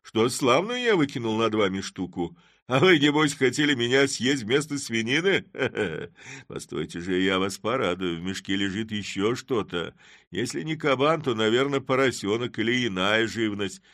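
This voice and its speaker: A man voicing a boisterous, sly middle-aged Cossack who talks in loud, mocking exclamations, in an audiobook reading. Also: medium pitch, animated, moderate pace, no echo, studio quality, voice pushed up, close to an everyday voice.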